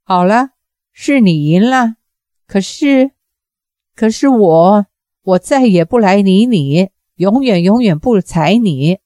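A sulky young swordswoman with a sharp tongue, scolding coldly in a storybook reading, voiced by a woman. Her voice is mellow and unhurried, with a dry, close sound. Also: medium pitch, expressive, no room sound. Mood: resentful. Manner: cold, scolding.

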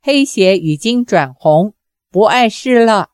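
一位女性朗读者演绎一位舍身救夫、临终低声嘱托的温柔妻子。. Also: female voice, animated, slow, dry recording, clean studio sound. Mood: tender. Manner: soft, low-voiced. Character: gentle dying wife, tender and quiet. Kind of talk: audiobook character voice.

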